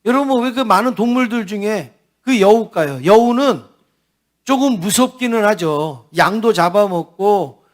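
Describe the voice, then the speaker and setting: A man's voice: sits high, animated, moderate pace. A man preaching a sermon as a pastor, asking the congregation questions as he goes. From South Korea.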